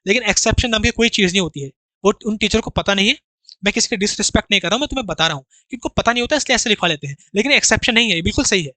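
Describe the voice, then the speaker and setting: A man's voice: sits high, expressive, racing, bright, forceful tone, no room sound. A man teaching an exam-prep grammar lesson, explaining through rhetorical questions and repetition and speaking to his students familiarly as brothers.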